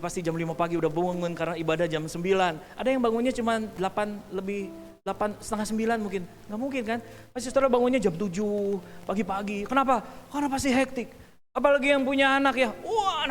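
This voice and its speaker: A man preaches in a fairly high voice, and his sermon carries a long church reverb. He is animated and acts out hurried family moments. He gets the congregation to repeat phrases back to him. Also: a little hiss or hum. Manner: calls the congregation to repeat words. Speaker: pastor. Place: church hall.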